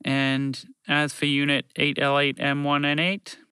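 A man voicing a calm, practical, polite moose in a children's story, measured and to the point. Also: on the high side, clear, resonant tone, no room sound, voice pushed up. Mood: careful questioning.

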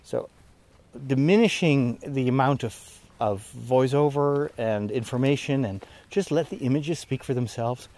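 A man's voice: medium pitch, a little slow, darkish tone. A man vlogging while walking uphill through woods, tired and short of breath, talking in a rambling way with self-deprecating asides. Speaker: priest and vlogger. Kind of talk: walking vlog monologue. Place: outdoors in woods, climbing a hill.

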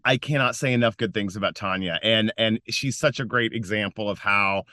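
Bright-voiced American man, dry closet sound. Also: fairly low pitch, a little fast, no room sound. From Western North Carolina, United States. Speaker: podcast guest, social impact entrepreneur. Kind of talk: casual interview chat.

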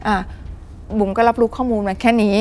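This caller's medium-pitched voice is warm with a level tone, a little fast, and carries a slight hiss or hum. Sharing a personal story with vivid storytelling, she stays polite and animated, often speaks to the host directly, and performs the voices of people in it.

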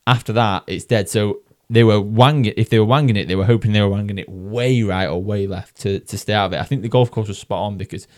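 A man's voice: on the low side, fast, hardly any pauses. A man with a Mancunian accent co-hosting a golf podcast in casual, blokey chat, emphatic and repeating his phrases. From Manchester area, England.

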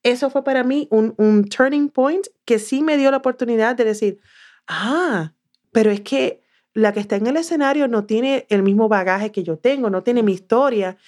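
A woman from southern Puerto Rico with a Puerto Rican accent, a podcast guest telling her story in a lively way and acting out what she once said. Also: fairly high pitch, normal speed. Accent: Puerto Rican Spanish. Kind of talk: casual interview.

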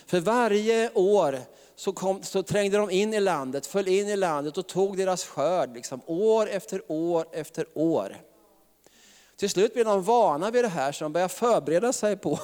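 A man's voice: sits high, a little mellow, big-room sound. A man preaching a sermon in a chatty style, often laughing and tagging his sentences with questions.

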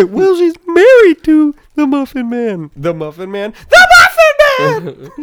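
A man voicing a tiny gingerbread cookie man in a shrill, squealing cartoon voice. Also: huge pitch swings, slow, very noisy, exaggerated voice. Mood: mock shrieking.

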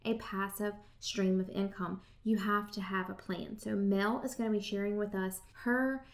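A woman's voice: mid-range voice, fairly even intonation, moderate pace. A woman with a Southern accent, hosting a podcast and talking straight to her listeners in a casual, chatty way. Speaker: podcast host.

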